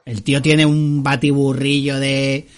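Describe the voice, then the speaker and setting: A man's voice: medium pitch, level tone, unhurried. A man narrating as game master, explaining rules and often checking in with the players, laughing along.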